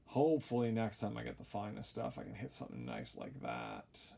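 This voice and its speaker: Tired man, gravelly voice, mumbling and droning, wry rambling card-break commentary. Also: on the low side, huge pitch swings, a little fast, warm tone. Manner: wry, rambling, self-deprecating. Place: home room at night.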